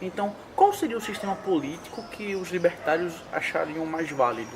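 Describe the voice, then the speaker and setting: Interviewer over background noise. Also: male voice, a little high, animated, a little fast. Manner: probing, lays out cases step by step. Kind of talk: interview questions.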